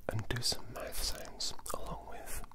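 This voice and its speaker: A British man speaking in a breathy, soft ASMR whisper, ear to ear, close to the microphone, in an unhurried, apologetic way. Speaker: ASMR content creator. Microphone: close stereo microphone, ear to ear.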